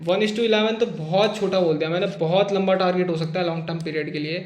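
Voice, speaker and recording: High-voiced chatty man teaching trading. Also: fairly even intonation, fast, darkish tone, echoey room. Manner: chatty, constantly checks in with "okay" and calls listeners "brother"; jokey, teasing about losing traders. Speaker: trading instructor. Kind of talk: casual screen-share chart lesson.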